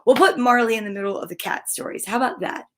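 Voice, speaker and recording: Gushing and animated, a woman with a fairly high voice hosts a children's story time, swinging between reading aloud and cheerful, encouraging chatter with her viewers. She's a fast talker, and a little hiss or hum sits in the audio.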